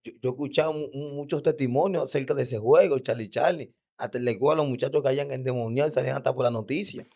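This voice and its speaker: Male interview host, quick talker, gravelly, short affirming remarks. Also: medium pitch, warm tone. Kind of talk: interview reactions.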